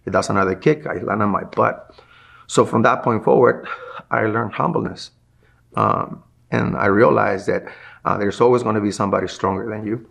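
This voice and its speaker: A man's voice: fairly low pitch, normal speed, creaky, a bit bright. A middle-aged man, a martial arts instructor, recounts a personal story in an interview and acts out the people he quotes.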